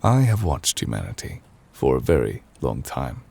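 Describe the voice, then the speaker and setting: Playing a solemn, gentle, ancient immortal chief justice for an ASMR roleplay, a man speaks formally and haltingly in a bass voice that is gravelly, breathy, and confiding. His delivery is very animated and exaggerated, with a tender, reflective mood.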